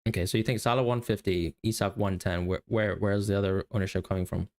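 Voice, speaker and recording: Low-voiced man rambling through analysis. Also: fairly even intonation, fast talker, a little mellow. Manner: rambling, self-correcting, thinking aloud. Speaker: podcast co-host. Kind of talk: casual analytical chat.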